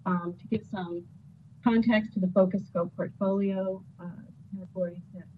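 A woman's voice: mid-range voice, fairly even intonation, moderate pace. A woman project manager giving a hesitant status report in a meeting, her connection cutting in and out. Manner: hesitant, with many fillers. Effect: bad connection, audio cutting in and out. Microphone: computer mic on a video call. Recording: tinny call audio with faint noise.

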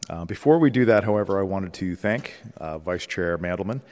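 A man chairing a formal public board meeting, speaking in a measured, procedural way with frequent "uh" and "um". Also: sits low, lively intonation, a little mellow. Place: large legislative chamber. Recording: long reverb of a large chamber.

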